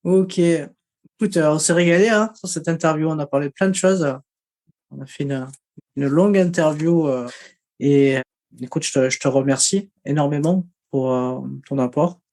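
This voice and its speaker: Male podcast host, a little high, halting casual delivery. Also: darkish tone. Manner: hesitant, many fillers, laughs easily. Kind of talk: casual conversational interview.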